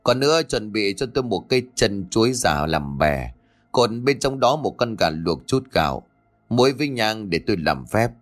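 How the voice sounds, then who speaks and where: A man's voice: fairly low pitch, very animated, moderate pace, faint music behind. A man as a stern old exorcist. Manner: stern, commanding. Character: stern older male exorcist master, commanding and calm.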